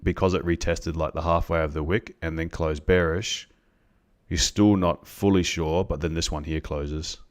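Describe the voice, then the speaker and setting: A man on a live trading stream, explaining chart setups to viewers in a halting way, with many restarts and ums. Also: deep voice, steady tone.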